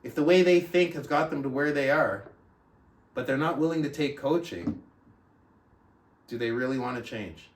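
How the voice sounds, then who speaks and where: A book club host with a mid-range voice talks at normal speed but leaves long pauses while reading aloud and coaching motivationally. He quizzes his listeners with rhetorical questions, captured distantly in an echoing room.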